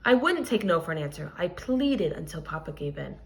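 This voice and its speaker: Expressive and deliberate, a woman reads a children's picture book the way a teacher would, her voice on the low side. She stresses key words and stops to add explanatory remarks.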